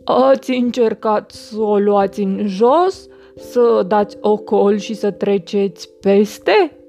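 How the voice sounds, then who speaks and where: A woman's voice: mid-range voice, warm tone, soft background music, natural voice. A woman voicing a cheerful, helpful female cow in a storybook, sounding hospitable.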